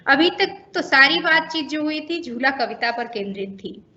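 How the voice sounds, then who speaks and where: A woman's voice: sits high, animated, normal speed, pushed and bright, lo-fi sound. A woman training teachers, patiently explaining pronunciation and repeating sounds for practice. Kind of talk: instructional talk to teachers.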